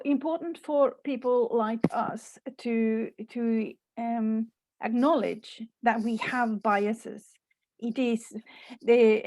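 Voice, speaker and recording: A woman from Finland speaking as a panelist in an online conversation, slow and halting with many repeated words. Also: fairly high pitch, a little mellow, no room sound, rough recording.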